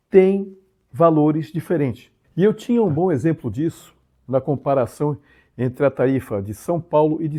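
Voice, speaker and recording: Man from Brazil, casual explainer, husky, mellow tone, emphatic swings. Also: medium pitch. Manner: conversational, tag questions, emphatic swings. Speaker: channel host.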